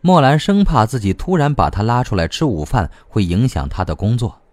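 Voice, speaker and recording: A man reading a novel aloud as an audiobook narrator in measured, scripted narration. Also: lowish voice, big pitch swings, darkish tone, dry recording.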